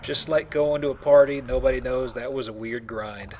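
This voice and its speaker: Here a let's play host speaks at normal speed in a slightly mellow, mid-range voice, giving casual, wry commentary while gaming. Game ambience plays in the background, with faint noise under his voice.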